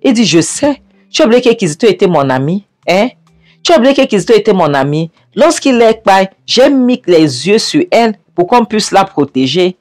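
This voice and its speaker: A woman's voice: medium pitch, sing-song, normal speed, darkish tone, pitched above the performer's own voice. A woman voicing an indignant young man who protests in shock at a friend.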